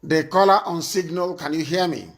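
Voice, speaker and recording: At a moderate pace and in a slightly high voice, a man hosting a live call-in stream takes calls with a commanding manner. He keeps repeating his points and scolds those who call.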